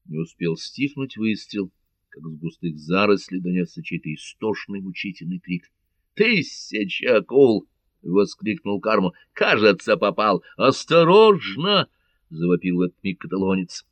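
Low-voiced man narrating an adventure. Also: no room sound. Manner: measured, dramatic. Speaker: audiobook narrator.

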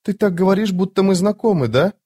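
A man voicing a frightened, confused young woman with a high, breathless voice in an audiobook. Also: expressive, quick pace, dark tone, husky.

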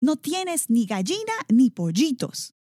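A woman's voice: high-pitched, sing-song, takes it slowly, mellow, no room sound, clean studio sound, pitched above the performer's own voice, heavily acted. A woman voicing a grumpy, bossy male village mayor in a storybook, scolding and blustering. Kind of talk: storybook character voice.

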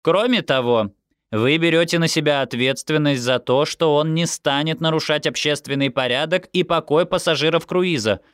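A man's voice: fairly high pitch, normal speed, a bit bright, clear, resonant tone, no room sound, clean studio sound, voice pushed up, close to an everyday voice. A man reading an audiobook, voicing a formal, officious female official who recites conditions one by one.

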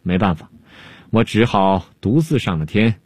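A man's voice: lowish voice, animated, measured pace, a little mellow, no room sound. A man voicing a sly, unflappable male Han court jester-scholar who talks in a teasing, self-assured drawl.

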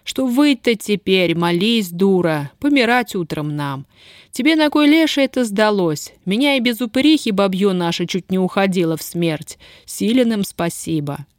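Женщина читает реплики сердитой, резкой на язык молодой крестьянки, ругающейся простонародной речью. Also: female voice, medium pitch, animated, normal speed, no echo, studio quality, natural voice. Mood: scolding. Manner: gruff, scolding, folk speech. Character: grim, sharp-tongued young peasant woman, bound.

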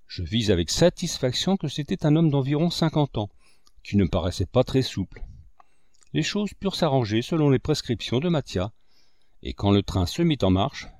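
A male narrator reads a classic novel aloud with expressive phrasing. His mid-pitched voice moves up and down a lot. The recording is close and dry. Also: no echo. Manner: expressive, with a wide pitch range. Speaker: audiobook narrator. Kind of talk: literary audiobook narration.

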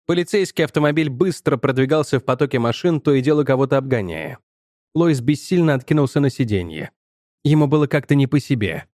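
A man narrating an audiobook in a measured, tense storytelling manner. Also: medium pitch, animated, darkish tone, dry recording, clean studio sound.

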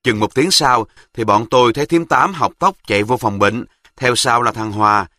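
Man, southern vietnamese accent, story narration, bright crisp tone, dry close sound. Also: medium pitch, normal speed, dry recording.

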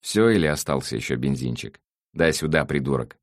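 Man doing a brutal thug, swearing, bossy, mocking, very deep voice, dry sound. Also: animated, brisk, no room sound. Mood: gloating. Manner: swearing, barking orders.

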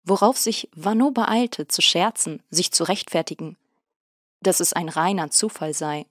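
Woman narrating an audiobook, low voice. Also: dry recording, clean studio sound. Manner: steady, measured storytelling.

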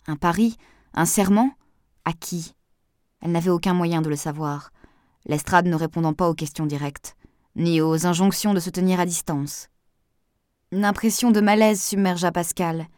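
Audiobook narrator, woman, lower voice, measured expressive reading, dry. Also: no echo.

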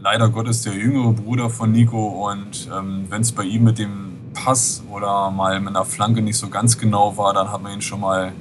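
A man's voice: lowish voice, flat delivery, normal speed, hardly any pauses. Rambling man on a noisy Skype line. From West Berlin. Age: 40s. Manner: rambling, many fillers like "halt eben". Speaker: guest. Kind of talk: casual interview. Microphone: Skype call.

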